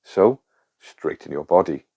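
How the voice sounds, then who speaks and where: Male guide for a calm grounding exercise: low-pitched voice, reassuring, gives clear step-by-step instructions. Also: a little slow, lo-fi sound. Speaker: guide of a panic relief exercise.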